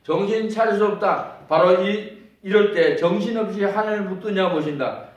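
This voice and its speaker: A man's voice: high voice, moderate pace, dull audio. A man preaching a sermon to a congregation. He is emphatic and repeats phrases, and he leads the listeners in call-and-response. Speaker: pastor. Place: church sanctuary. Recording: very echoey church hall, distant mic.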